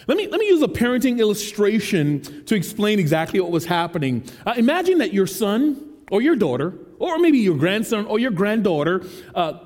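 A man's voice: high voice, big pitch swings, fairly quick, a little mellow, long reverb tail. A man in his thirties from the United States, a teaching pastor giving a casual, joking sermon in a large church. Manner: casual, self-deprecating and joking. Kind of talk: conversational sermon.

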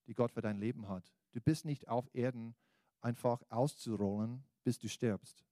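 A mellow mid-range male voice, clean studio sound with no echo. The man, an American native English speaker and preacher, talks in German with an American accent during an informal evangelical sermon, exhorting listeners directly in colloquial language.

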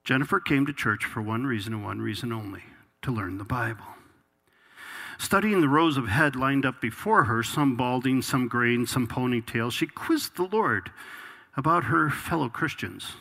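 Husky-voiced man preaching a sermon. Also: medium pitch, animated, moderate pace, bright, forceful tone. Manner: reads a passage aloud, then preaches with rising intensity. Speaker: pastor.

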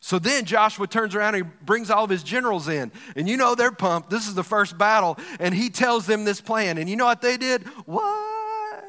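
A male pastor gives a lively, joking sermon, calling out to his congregation. His voice is bright and forceful, a touch higher than most men's. The church hall carries a long, ringing reverb. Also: a little fast, hardly any pauses.

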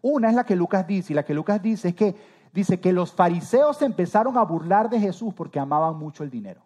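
Man, pastor, sermon, slightly high voice, mellow tone, emphatic rises, soft trailing endings. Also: lively intonation, a little fast.

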